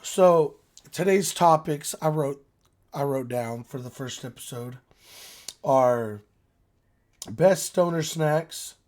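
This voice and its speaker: A man's voice: on the high side, slow pace, pauses often, a little mellow. Casual man hosting a solo podcast. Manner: profane, informal slang. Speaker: podcast host.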